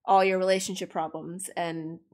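A woman's voice: on the low side, level tone, moderate pace, a little mellow. Frank, chatty young woman streamer. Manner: candid, frank, swears freely, laughs often. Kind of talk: casual chat while drawing.

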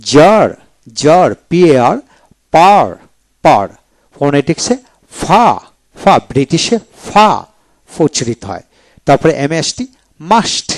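A man teaching English pronunciation in a video lecture, spelling letters out and repeating each word slowly. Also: fairly high pitch, dry recording. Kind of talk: video lecture, drilling words aloud.

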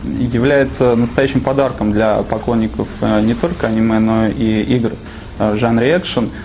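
Hesitant young man, mid-pitched, interview. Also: a little mellow. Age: young adult. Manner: hesitant, measured phrases. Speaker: PR manager interviewed. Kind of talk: interview answers. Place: dark studio.

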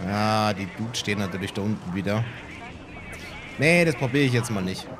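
A man's voice: fairly low pitch, normal speed, noisy background. A man casually commenting while he plays a game, musing aloud and poking fun at himself. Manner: musing, self-mocking, talks to himself while playing. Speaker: let's play gamer. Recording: game music behind the voice.

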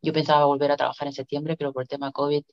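Rapid-fire and level in tone, a middle-aged Latin American woman with a low voice chats casually as an interview guest. She joins by video call from an indoor room, and the device microphone produces dull, lo-fi audio.

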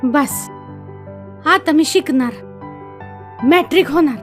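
Woman doing a simple village wife, high voice, earnest and wide-eyed. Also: slow, soft background music. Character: eager, unschooled village wife hoping to study.

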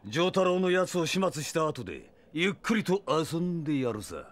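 A man voicing an arrogant, sadistic male vampire villain in an audio drama, with theatrical, menacing, drawn-out delivery. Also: on the high side, sing-song, heavy background noise. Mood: triumphant, shouting. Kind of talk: Japanese anime-style audio drama acting.

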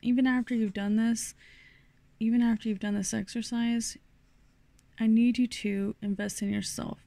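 A middle-aged woman from New Mexico gives a casual tarot reading, her voice gravelly and mellow. She rambles a bit, with fillers and restarts, and the sound is dry and close. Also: a little high, little pitch movement, normal speed, no room sound. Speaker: tarot reader.

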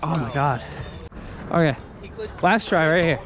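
Young male vlogger, casual and excitable, action-camera mic at an outdoor skatepark with heavy background noise. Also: a little high, measured pace. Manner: excitable, swears, laughs at himself. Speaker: scooter rider filming himself. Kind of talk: casual self-filmed vlog commentary. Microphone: action camera on handlebars. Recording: noisy outdoor camera audio.

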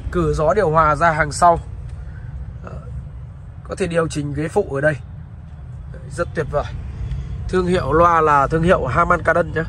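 Man, fairly high voice, car salesman, walkaround narration, polite repeated address to viewers, faint outdoor background noise. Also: steady tone, normal speed, long pauses, fairly bright tone, low-quality recording. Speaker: used car dealer presenting a car. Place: outdoors beside and inside a car on a roadside.

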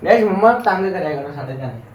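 A man's voice: high-pitched, animated, fast talker, distant mic, lo-fi sound, slight background noise. A young Punjabi man chatting casually to viewers in a home kitchen, with a teasing manner. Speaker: family vlog co-host. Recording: echoey room, faint frying sounds.

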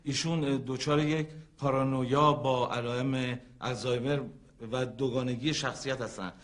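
A man's voice: medium pitch, steady tone, lightly acted. Flustered hesitant middle-aged man, acted. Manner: hesitant, flustered, stumbling over words.

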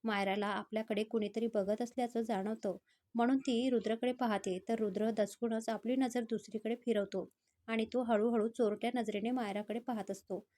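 A woman storyteller reading a romantic story in a steady, scripted narration. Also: on the high side, moderate pace.

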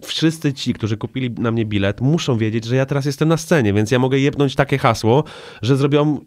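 A man's voice: medium pitch, fairly quick, darkish tone, dry recording, studio quality. A middle-aged man, a stand-up comedian, chatting loosely in an interview, swearing often and leaning on "you know" fillers. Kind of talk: casual interview chat.

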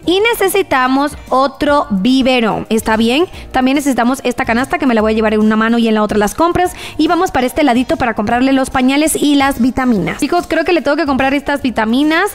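A woman's voice: high-pitched, animated, fast, few pauses. A young woman giving bubbly, gushing commentary on a mobile game, using many diminutives and talking straight to her viewers. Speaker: gaming YouTuber.

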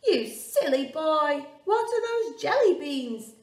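A woman's voice: high-pitched, measured pace, reverberant. A woman teacher voicing a worried, hard-up mother who sighs and later scolds. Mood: cross. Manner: sighing, then scolding.

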